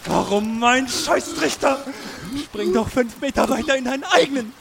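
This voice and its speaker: A man playing a gravelly haunted army doctor. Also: extremely high pitch, a crowd in the background. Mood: panicked. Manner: brooding, slow inner monologue, breaking into desperate pleading. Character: haunted male army doctor, guilt-ridden and tormented. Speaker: army doctor in a hospital train. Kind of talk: first-person audio drama narration.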